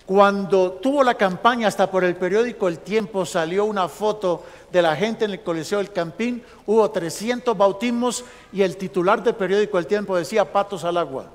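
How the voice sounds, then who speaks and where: A male pastor telling a lively story in a sermon, acting out the dialogue of the people in it. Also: sits high, moderate pace, few pauses. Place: large church sanctuary. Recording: long church hall reverb.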